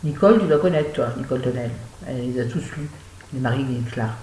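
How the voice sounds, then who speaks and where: A woman's voice: rumbling low, fast talker, warm tone. Chatty older Frenchwoman in an echoey room. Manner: rambling, self-mocking, exclamatory. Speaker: book vlogger. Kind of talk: chatty home video. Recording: echoey room with faint hum.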